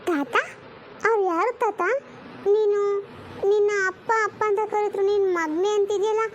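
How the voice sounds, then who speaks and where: A woman's voice: extremely high pitch, steady tone, normal speed, dull audio, slight background noise. A woman voicing a chatty, greedy little boy who loves snacks, talking in a whiny, pleading way. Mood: puzzled.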